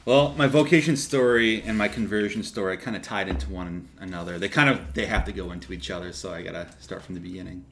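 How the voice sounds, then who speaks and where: A young man from Texas, a seminarian guest on a podcast, telling his story casually with lively restarts and asides. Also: low voice. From Texas, USA. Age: young adult. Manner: animated, quick asides and restarts.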